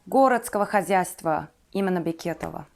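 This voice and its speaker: In careful, somewhat halting phrases, a woman in her twenties from Turkey talks to viewers about herself as a vlogger. She is a native Turkish speaker with a Turkish accent, and her voice is on the low side, creaky, and darkish.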